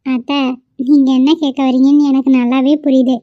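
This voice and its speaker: A woman voicing a shy, high-voiced young bride. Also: little pitch movement, a little fast, dry recording, lo-fi sound, lightly acted. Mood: bashful. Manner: bashful, coy. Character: shy young newlywed wife. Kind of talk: cartoon voice acting.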